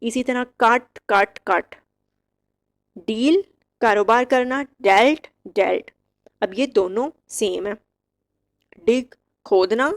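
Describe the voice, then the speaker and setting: A woman teaching English verb forms, reciting each word slowly and clearly with short explanations. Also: a little high. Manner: slow, drilled word-by-word recitation. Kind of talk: vocabulary lesson.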